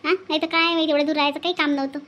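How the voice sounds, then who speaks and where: A woman's voice: sits high, flat delivery, rapid-fire, fairly bright tone. A woman voicing an older village woman from who scolds and hands out repeated advice. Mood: fond grumbling. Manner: scolding, repetitive advice-giving. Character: older village woman, bossy, lecturing elder.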